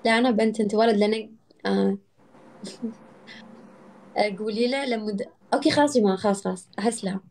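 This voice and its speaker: A woman's voice: mid-range voice, steady tone, fairly quick, long pauses, a little mellow, a little hiss or hum. A young woman with a Gulf Arabic accent, bantering casually and insistently as a guest on a live stream. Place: indoor room, live video call.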